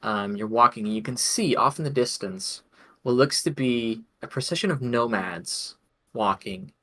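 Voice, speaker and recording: A man running a tabletop game, talking in a loose, chatty way and laughing often. His voice is bright and forward, at a middling pitch for a man. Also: moderate pace. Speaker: game master.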